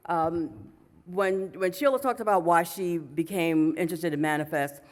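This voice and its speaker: A woman's voice: fairly low pitch, moderate pace. A woman from New York moderating a fan convention panel in a loose, chatty way with lots of fillers. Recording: echoey convention hall.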